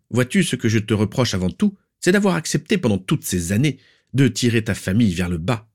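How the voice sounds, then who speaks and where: A man's voice: a little high, darkish tone, voice pushed up, natural voice. A man voicing a cold, implacable aristocratic aunt who accuses and scorns in an icy, unemotional tone.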